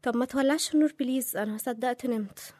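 A young wife from an Egyptian radio-style drama, played by a woman speaks in a high voice at a breakneck pace. Her Egyptian Arabic comes through a dry, close microphone. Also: rapid-fire, darkish tone, no room sound, natural voice. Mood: drowsy. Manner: sleepy then panicked, pleading. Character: young wife terrified by nightmares. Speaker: wife woken by a nightmare. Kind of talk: audio drama acting.

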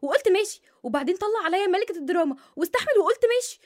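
A woman's voice: very high voice, animated, racing. A woman in her twenties with an Egyptian accent playing a dramatic, complaining young wife. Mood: exasperated. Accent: Egyptian Arabic. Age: 20s.

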